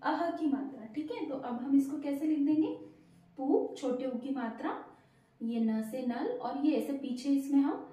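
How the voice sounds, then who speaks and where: A woman's voice: high voice, a little slow, mellow. A woman teaching a language lesson to children, patiently asking her learners questions and praising them. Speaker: Hindi teacher. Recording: very echoey room.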